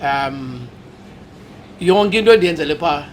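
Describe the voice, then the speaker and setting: Man, South African Xhosa accent, high-pitched, animated, code-switching, casual interview talk, faint ambient noise. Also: unhurried, poor audio. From South Africa, Eastern Cape. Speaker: musician guest. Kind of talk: casual chat.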